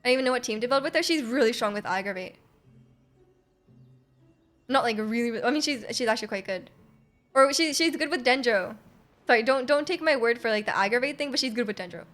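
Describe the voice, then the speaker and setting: This woman plays a game on a live stream and chats with viewers in a giggly, hesitant way, rambling and repeating herself. Her high-leaning, fairly bright voice is animated and fast, with frequent pauses, captured on a close streaming mic.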